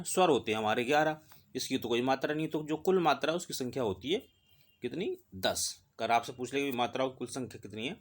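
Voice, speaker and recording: A man gives an exam-prep lesson in a patient, explanatory way. He keeps posing questions to his students and then answering them himself, at a medium pitch and an everyday speaking pace. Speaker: teacher.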